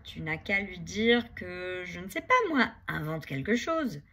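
A woman voicing an eager little male hamster who wants to be a cowboy, talking excitedly in a storybook reading. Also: lowish voice, unhurried, slightly rough, full character voice. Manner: excited, shouting.

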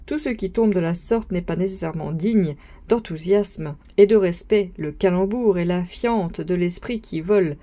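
A woman's voice: on the low side, normal speed, warm tone, lightly acted. A woman voicing a pompous young male student who lectures his friends in a grand, sermonizing manner, read as an audiobook. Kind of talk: audiobook reading.

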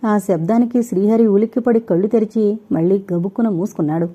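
Female audiobook narrator, very dark mellow voice, steady storytelling. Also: mid-range voice, brisk. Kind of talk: scripted novel narration.

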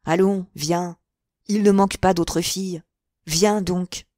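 A woman voicing a calm young gang leader who talks a rival down in a soothing, deliberate way. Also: on the low side, no echo, clean studio sound. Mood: coaxing.

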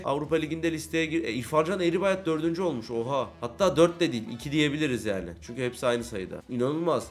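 A man giving casual, chatty commentary while he plays a football management game, swinging between grumbling and excited shouting. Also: on the high side. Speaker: gaming YouTuber. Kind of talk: casual let's-play commentary.

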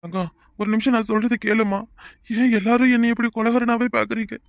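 A man's voice: very high-pitched, steady tone, a little fast, creaky, smooth, no room sound, muffled recording. A man voicing an accused young husband in a cartoon family drama, begging to be believed. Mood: pleading. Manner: begging, pleading.

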